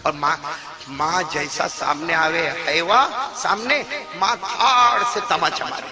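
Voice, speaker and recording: A man preaching an emotional religious sermon, calling on the crowd to answer him and rising to loud cries. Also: on the high side. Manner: calls on the crowd to repeat, rises to loud cries.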